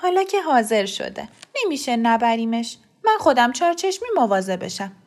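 A woman's voice: fairly high pitch, sing-song, darkish tone, pitched above the performer's own voice. A woman voicing a protective, indignant mother. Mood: pleading, indignant. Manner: pleading then indignant. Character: protective mother, pleading and defiant.

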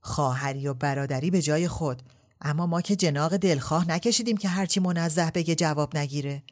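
A woman's voice: low voice, a little mellow, close to an everyday voice. A woman voicing a mocking, outspoken middle-aged brother who teases and lectures his sister in a storybook reading. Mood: mocking, lecturing. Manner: teasing, then lecturing.

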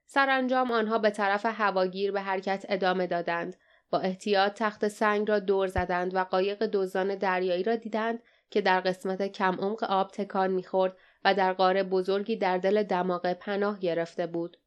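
A woman narrating an adventure audiobook with steady, measured storytelling. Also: medium pitch, smooth, highs cut off. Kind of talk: scripted narration.

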